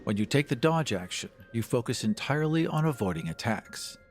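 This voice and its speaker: A man casually narrates what his characters do while playing a tabletop roleplaying game, giving a play-by-play of the action. His mid-range voice is expressive and a little fast, with faint background music behind him.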